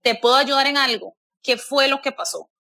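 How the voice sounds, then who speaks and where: Bright-voiced woman, earnest. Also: sits high, normal speed, gravelly, no room sound. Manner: earnest, tagging sentences with "¿verdad?" and "o sea". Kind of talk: casual conversation.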